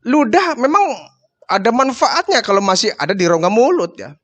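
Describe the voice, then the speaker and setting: A male Islamic preacher giving a storytelling religious lecture and acting out the dialogue with lively changes of voice. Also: very high-pitched, normal speed. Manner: animated storyteller who acts out dialogue.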